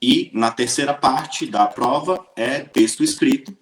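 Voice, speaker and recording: A man with a Brazilian Portuguese accent, an interview guest telling stories casually with lively hesitations. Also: mid-range voice, unhurried. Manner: chatty, lively, with frequent hesitations. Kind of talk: casual storytelling. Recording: roomy echoey room.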